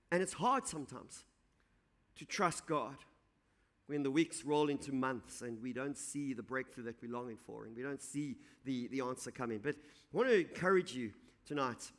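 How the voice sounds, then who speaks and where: A man's voice: medium pitch, a bit bright. A male pastor preaching an evening sermon, reading scripture aloud and then explaining it in a conversational, encouraging way. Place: church.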